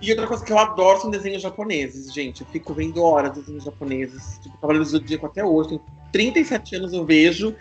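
A man in his thirties from Brazil, hosting a casual chat, animated and confessional, acting out other people's reactions. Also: fairly high pitch, quick pace, soft background music.

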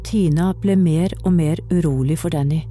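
Woman reading a kids story out loud, steady, lowish mellow voice, dry close sound. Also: soft background music. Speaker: narrator. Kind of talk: reading a children's storybook aloud.

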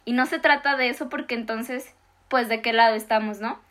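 A young woman with a Mexican accent, casually retelling Bible stories with slangy, animated asides in a faith discussion. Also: fairly high pitch, fairly quick.

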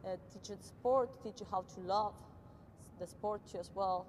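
A woman's voice: medium pitch, moderate pace. A young woman from Argentina who speaks with an Argentine Spanish accent, answering interview questions as a tennis coach in simple phrasing with small grammar slips. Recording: long reverb, faint noise.

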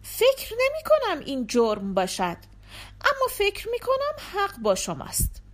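A woman voicing a courteous father in an audiobook, calming a heated argument. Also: extremely high pitch, a little hiss or hum, pitched above the performer's own voice, full character voice. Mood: placating. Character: polite, peacemaking father.

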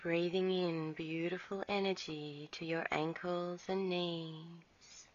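A woman guiding a relaxation meditation in a soft, soothing voice. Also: lowish voice, little pitch movement. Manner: soft, slow, soothing delivery. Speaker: meditation guide. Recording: dull lo-fi recording.

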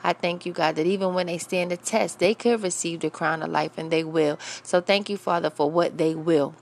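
Gravelly-voiced, upbeat woman radio host. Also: lowish voice, moderate pace, slight background noise. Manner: lively, playful, and prone to laughing.

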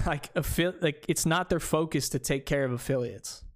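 A man's voice: a little high, moderate pace. A man who is a small streamer, talking casually in a podcast chat and rambling with lots of fillers and restarts.

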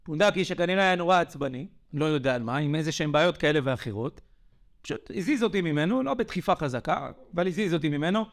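A man's voice: a little high, lively intonation. A young man telling an angry story in an emphatic, agitated podcast monologue. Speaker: podcast co-host.

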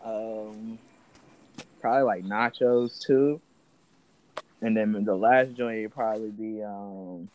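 A man's voice: lowish voice, steady tone, slow pace, long pauses, a little mellow, rough recording. A man with an American accent in casual, slangy, profane co-host chat, joking around. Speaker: podcast co-host.

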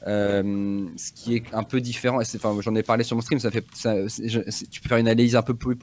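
A man's voice: fairly low pitch, level tone, fast, a little mellow. A man giving casual analysis as a guest, thinking aloud hesitantly and building his point step by step. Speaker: guest commentator.

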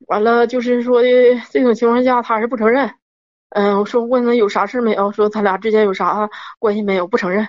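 A woman's voice: a little high, fairly even intonation, fast talker. A woman, a caller telling a personal story in a rambling, worked-up way and repeating herself. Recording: dull lo-fi audio.

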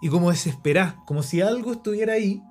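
A man's voice: high-pitched, fast talker, soft background music. A Chilean man co-hosting a podcast, telling a story casually and animatedly with lots of slang. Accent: Chilean Spanish. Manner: animated, slangy, acts out voices in quotes. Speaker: podcast co-host.

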